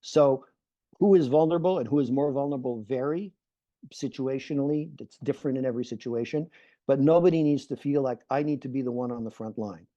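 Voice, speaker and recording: A middle-aged man from Canada, earnest and a little fast, talks with a dark mid-range voice and no room sound. As a panelist and peace activist in an online panel talk on a muffled video call, he repeats phrases while building his case.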